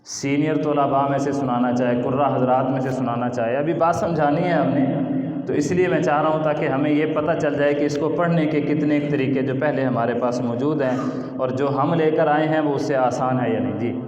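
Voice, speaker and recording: A man's voice: medium pitch, fairly even intonation, darkish tone, slight background noise. A man teaching a Quran reading lesson to a class, explaining patiently and asking the students questions. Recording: echoey hall, dull sound.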